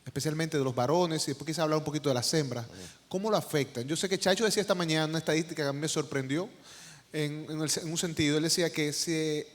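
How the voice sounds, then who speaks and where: Guy moderating a panel, kinda high voice, lots of hall reverb. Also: fairly even intonation, quick pace. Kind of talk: conference panel discussion. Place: large conference hall.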